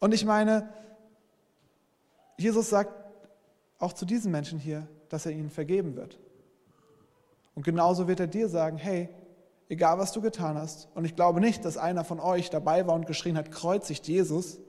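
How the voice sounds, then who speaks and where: A man's voice: sits high, fairly even intonation, moderate pace, long pauses, darkish tone. Earnest man preaching in a reverberant hall. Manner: earnest, speaks straight to listeners with frequent "hey". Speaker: pastor. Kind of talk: sermon. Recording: long reverb from a large hall.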